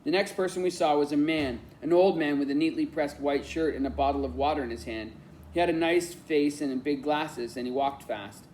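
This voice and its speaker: Brief: male audiobook narrator, calm reflective storytelling, a faint hiss behind. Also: a little high, moderate pace. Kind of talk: scripted narration.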